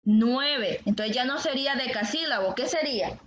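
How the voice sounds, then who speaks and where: A female teacher with a high, fairly bright voice and moderate pace gives a lesson on poetic meter. She's patient, asking the class questions and repeating their answers; the recording is echoey and dull, with lo-fi sound.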